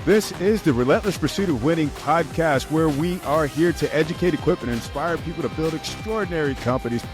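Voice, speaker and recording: A man's voice: a little high, fairly quick, over music. A man hosting a podcast interview, upbeat and promotional, asking long, winding questions. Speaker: podcast host.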